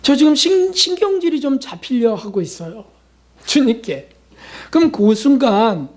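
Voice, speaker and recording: A man's voice: high-pitched, darkish tone. A man preaching a sermon as pastor, acting out prayers and asking the congregation rhetorical questions. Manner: preaching with acted-out prayers and quotes.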